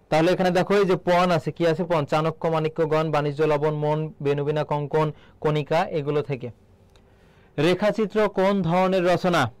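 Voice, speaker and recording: A man's voice: fairly high pitch, fairly even intonation, measured pace, pauses often, a little mellow, clean tone, no room sound. Dry-voiced male tutor drilling exam answers. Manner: repeats questions and answers, quizzing the listener. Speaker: teacher. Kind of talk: exam-prep lecture.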